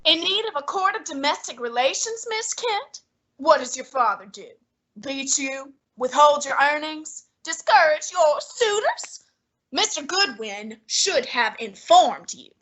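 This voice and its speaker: A woman's voice: high voice, lively intonation, a little slow, fairly bright tone, rough recording. Nero Wolfe, a girl playing a pompous fat detective. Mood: haughty. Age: teens. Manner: pompous, clipped, haughty. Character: fat, lazy, stubborn male detective, imperious. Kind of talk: student radio drama.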